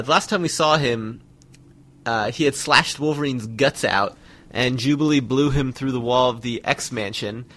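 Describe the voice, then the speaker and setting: A man co-hosting a cartoon podcast, casually recapping the episode in chat. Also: a bit bright. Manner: recaps the episode, acts out quotes in a booming voice. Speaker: podcast co-host.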